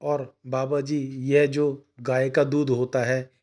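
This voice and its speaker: A man calmly retelling a spiritual question-and-answer session, in a gentle, patient manner that keeps addressing the listener as "son.". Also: medium pitch, slow. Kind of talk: devotional retelling.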